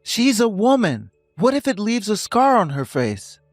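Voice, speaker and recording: A man's voice: sits high, big pitch swings, a little slow, no echo, studio quality, faint music behind, full character voice. A man playing a cold, lecturing husband. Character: stern husband ending a toxic marriage.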